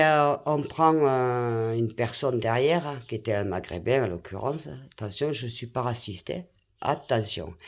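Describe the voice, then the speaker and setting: A woman's voice: deep voice, darkish tone. An older woman, ranting indignantly to her viewers, full of exclamations and repeated phrases. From France. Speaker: vlogger. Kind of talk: angry rant to camera.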